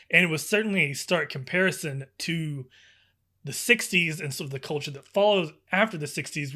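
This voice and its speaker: A man co-hosting a casual podcast, talking fast with sarcasm and frequent swearing. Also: fairly high pitch. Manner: profane, sarcastic, animated. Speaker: podcast co-host. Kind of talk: casual gaming podcast chat.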